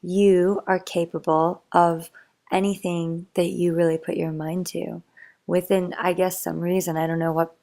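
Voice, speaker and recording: A woman's voice: on the low side, flat delivery, a little slow, vocal fry, mellow. A young woman rambling in a chatty, meandering way for a sleep-aid monologue, full of motivational musings and fillers. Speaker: bedtime talk creator.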